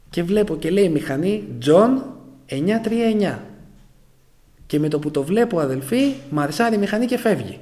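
A man's voice: on the high side, darkish tone. Man giving an emotional church testimony. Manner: keeps addressing the listeners as brothers; fragmentary, emotional storytelling, voice sinking at phrase ends. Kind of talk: personal testimony to a congregation.

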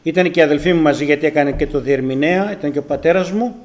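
An older man from Greece telling his personal testimony to a congregation, earnest and emphatic, his loudness rising and falling. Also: a little high. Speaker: church member giving testimony.

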